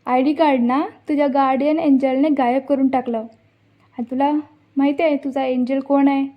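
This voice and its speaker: A playful young lawyer teases his friend, as a woman narrator reads him. The voice is high, and the recording is lo-fi. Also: level tone, normal speed, close to an everyday voice. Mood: teasing. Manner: plain reading of quoted lines. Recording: dull lo-fi recording.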